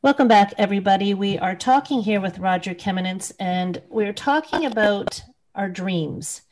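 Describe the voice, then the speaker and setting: A woman's voice: mid-range voice, moderate pace, darkish tone, low-quality recording. A woman hosting a radio talk show, asking her guest questions in thoughtful, searching phrases. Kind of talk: radio interview.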